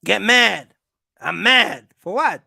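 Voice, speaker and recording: Gravelly, husky, and pushed bright, the medium-pitched voice is expressive and slow, captured in a dry studio-quality recording. A YouTube trucking vlogger confronts rivals in a casual on-camera rant, circling back to the same points and asking rhetorical questions.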